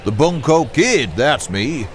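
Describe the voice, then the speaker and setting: A man putting on a gruff, mischievous comic character with a blunt manner. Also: mid-range voice, expressive, slow pace, a little hiss or hum, pitched below the performer's own voice.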